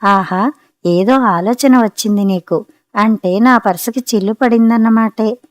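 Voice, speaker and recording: A woman's voice: a little high, unhurried, dry recording, studio quality, close to an everyday voice. A woman reader voicing a joking husband who grows exasperated, in a storybook reading. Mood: teasing. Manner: joking, then grumbling. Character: teasing middle-class husband, easily exasperated.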